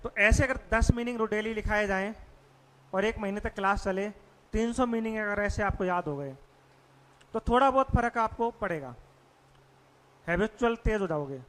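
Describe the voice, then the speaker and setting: High, bright-voiced male teacher in a hall. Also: normal speed, long pauses. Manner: quizzes students with repeated questions. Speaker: English teacher. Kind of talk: classroom vocabulary lesson.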